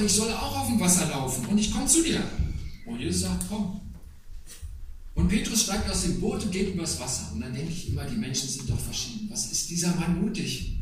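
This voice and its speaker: Brief: male pastor, chatty sermon with congregation asides, animated delivery, echoey hall with faint background noise. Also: on the high side, distant mic. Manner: conversational preaching with asides to the congregation. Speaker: preacher.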